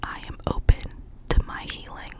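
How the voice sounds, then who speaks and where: Gently whispering, an ASMR host offers encouraging positive affirmations as a pep talk, frequently going back over phrases at a slow pace.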